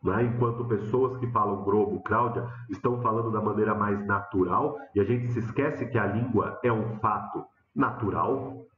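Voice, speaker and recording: Paulista guy teaching class, lively, acts out students, echoey muffled room. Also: normal speed, hardly any pauses. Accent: São Paulo Portuguese. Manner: animated, acts out students' questions with rising pitch. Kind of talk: lecture to students. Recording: dull, roomy classroom sound.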